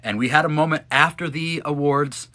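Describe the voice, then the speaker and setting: A man's voice: fairly high pitch, moderate pace, pushed and bright. A man streamer chatting casually with his wife about an awards trip, emotional and choking up as he talks. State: tearful, choked up. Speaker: live streamer, one of a couple. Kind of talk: casual chat answering follower questions.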